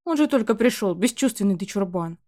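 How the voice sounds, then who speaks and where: A woman's voice: mid-range voice, animated, brisk, darkish tone, natural voice. A woman reading the lines of a worried, doting middle-aged mother in an audiobook. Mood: indignant. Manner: worried, pleading.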